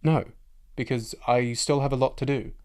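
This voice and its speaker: A man's voice: mid-range voice, steady tone, normal speed, smooth. A man hosting a podcast, talking in casual chat, frank and reflective, swearing freely. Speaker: podcast host.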